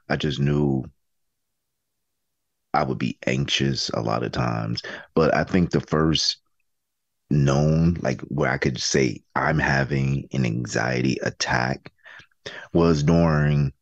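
A man's voice: rumbling low, creaky, no room sound, dull audio. A man co-hosting a podcast, chatting casually and teasing with frequent laughs. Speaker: podcast co-host. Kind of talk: casual chat.

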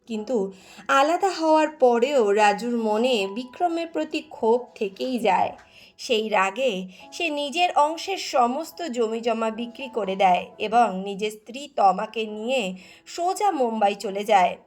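A woman narrating a scripted family story in a steady storytelling manner. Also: on the high side, unhurried. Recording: faint background music.

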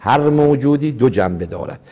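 A man's voice: medium pitch, lively intonation, warm tone. A middle-aged man teaching mystical texts in a lecture to a seated audience, full of rhetorical questions and small acted-out dialogues. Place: hall with a live audience.

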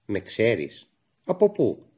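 A man's voice: lowish voice, wildly swooping pitch, a little mellow, husky, full character voice. A man voicing an earnest young male resistance fighter who talks plainly and in a hurry, on a dull lo-fi recording.

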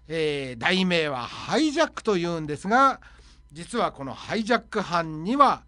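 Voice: mid-range voice, a bit bright, no room sound. A radio host running a comic segment, punning and jumping between voices.

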